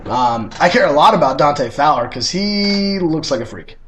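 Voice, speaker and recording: A man's voice: a little high, lively intonation, moderate pace, a crowd in the background. A young man hosting a casual sports podcast, blunt and teasing, swearing freely as he talks. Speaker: podcast host.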